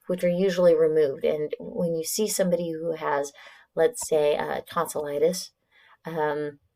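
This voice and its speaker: A woman's voice: low-pitched, vocal fry, darkish tone. A woman with a Californian accent giving a recorded biology lecture, explaining in a conversational way and correcting herself as she goes. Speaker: biology instructor.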